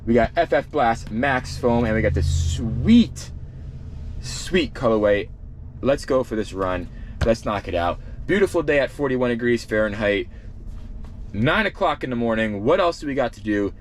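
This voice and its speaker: A man's voice: mid-range voice, animated, moderate pace, slight background noise. A man chatting casually to camera as a running shoe vlogger. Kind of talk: casual vlog chat. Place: outdoors before a run.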